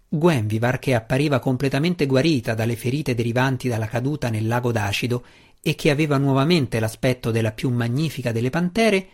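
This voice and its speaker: A man narrating a fantasy audiobook in a steady, measured voice at a middle pitch. The reading is scripted and even-paced.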